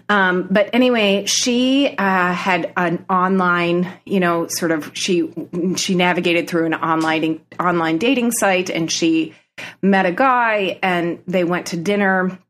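A woman co-hosting a podcast, telling a story in a casual, animated way and laughing often. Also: lowish voice. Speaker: podcast co-host. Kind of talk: casual chat.

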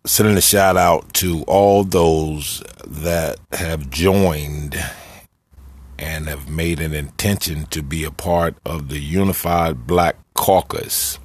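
An American man hosting a show and addressing listeners in a solemn, measured, emphatic way, like an unhurried rally speech. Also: rumbling low, husky, no room sound. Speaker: radio show host and community activist.

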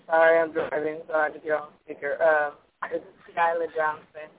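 A woman's voice: deep voice, level tone, brisk. A woman calling in to a prayer line on her car speakerphone while driving, asking for prayer and talking with a few hesitant fillers. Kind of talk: casual phone request. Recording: tinny phone line, distant from mic.

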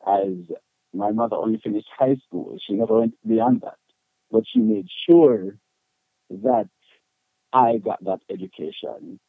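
With a lowish voice full of big pitch swings and vocal fry, a Jamaican-accented man recounts personal stories at an unhurried pace. As an interview guest he's candid, emphatic and colloquial; the audio is phone-quality and free of room sound.

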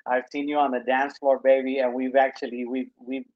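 A man hosting a podcast over a video call, his audio breaking up and muffled, talking in a halting way with fillers and restarts. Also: medium pitch, little pitch movement, dry recording. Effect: choppy, breaking-up call audio. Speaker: podcast host. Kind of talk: casual video-call chat. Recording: muffled, lo-fi online call line.

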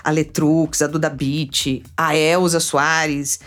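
A woman's voice: low voice, little pitch movement, slow, fairly bright tone. A woman interviewing in a casual, informal and conversational way.

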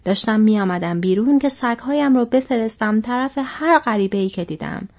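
A woman voicing a stout, red-faced male hobbit farmer who is gruff but hospitable and talks loudly and heartily. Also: on the high side, expressive, highs cut off. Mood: gruff hearty. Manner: loud, hearty, talkative.

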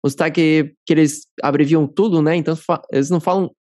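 A man's voice: fairly high pitch, steady tone, quick pace, darkish tone, no echo, studio quality. A man from Brazil, hosting a podcast in a talkative, friendly way. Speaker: podcast host. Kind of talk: casual interview chat.

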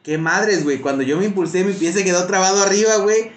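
A young Mexican man with a Mexican accent, telling a story in casual chat, slangy and animated, saying güey constantly. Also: high voice, fast, roomy sound.

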